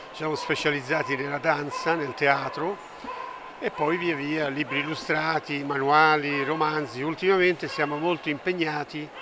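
An older man, a publisher, interviewed at a book fair stand, speaking in a measured, explanatory way with hesitant fillers into a handheld mic. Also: on the high side. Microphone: handheld mic held by interviewer. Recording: noisy fair hall ambience.

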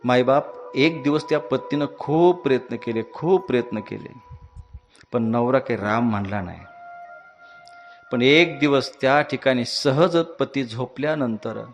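A man preaching a devotional sermon and telling a story, swinging between loud exhortations and soft asides to his audience. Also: medium pitch, a little slow, soft background music.

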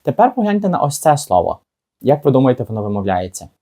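A man giving a casual video lesson as an English teacher, asking the viewer questions and slowing down for example words. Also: medium pitch, big pitch swings, warm tone. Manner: chatty, asks the viewer rhetorical questions, slows down for example words.

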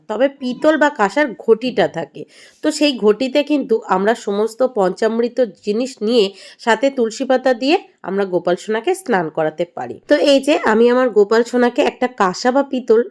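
A middle-aged woman with a Bengali accent, speaking as a home vlogger and gently explaining a home ritual step by step in a voice-over. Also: on the high side.

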